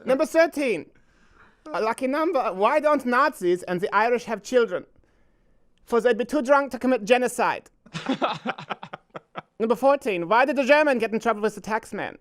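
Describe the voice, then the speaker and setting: Lively high-voiced male talk show host. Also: normal speed, long pauses. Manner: playful, teasing, stumbles on words. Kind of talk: comedic studio talk show banter.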